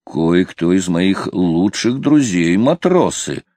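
A man's voice: sits low, very animated, slow pace, dark tone, no room sound, heavily acted. A man voicing an eager, awkward young sailor. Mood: pushy. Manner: pushy, flustered.

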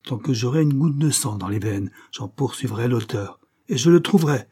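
A man's voice: fairly low pitch, steady tone, moderate pace, warm tone, breathy edge. A man voicing a desperate young man accused of theft, speaking in impassioned, pleading outbursts.

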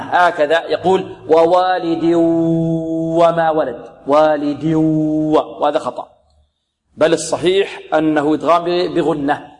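Man teaching Quran recitation, echoing hall. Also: on the high side. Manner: patient, drills sounds slowly, asks and answers his own questions. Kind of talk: tajweed lesson with recited examples.

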